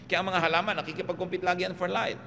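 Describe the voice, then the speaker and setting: A man with a Filipino accent preaching a sermon as a pastor, animated and humorous, often tossing rhetorical questions to the congregation. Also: high-pitched, rapid-fire, creaky, slight background noise. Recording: reverberant hall, faint background ambience.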